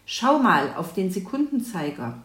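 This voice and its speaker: A woman's voice: medium pitch, sing-song, a little slow, a bit bright. A woman voicing a cautious, sensible young boy in a storybook, earnest and a bit reluctant. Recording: roomy echo.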